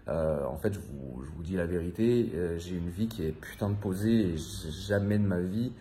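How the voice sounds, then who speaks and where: Talking to his viewers at a moderate pace, a man from France in his thirties speaks in a low, warm voice, with slight background noise. The vlog is a casual monologue to camera: rambling and confiding, full of slang, offhand swearing, fillers and repetition.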